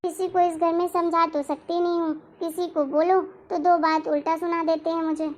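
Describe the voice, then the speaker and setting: A woman voicing a gentle, reassuring young mother-to-be in an animated family story. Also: extremely high pitch, normal speed. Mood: tender. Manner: soft, reassuring. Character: gentle expectant young aunt, hopeful for a daughter.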